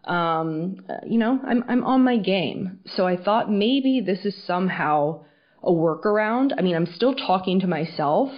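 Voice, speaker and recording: A woman's voice: lowish voice, animated, measured pace. A woman hosting a podcast in casual, candid talk that swears freely, her voice muffled so she sounds underwater. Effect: muffled, underwater-sounding audio. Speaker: podcast host. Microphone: recording to video camera. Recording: dull, muffled audio.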